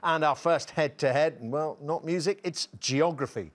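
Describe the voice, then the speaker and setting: A man's voice: fairly high pitch, moderate pace, noisy background. A man hosting a television quiz show, reading questions and joking with contestants between laughs. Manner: jokey, laughs between lines. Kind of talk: scripted presenting and friendly banter.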